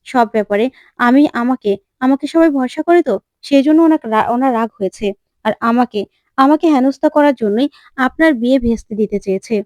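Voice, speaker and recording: Woman reading as a gentle young daughter-in-law. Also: high-pitched, fairly quick, no echo, close to an everyday voice. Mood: earnest.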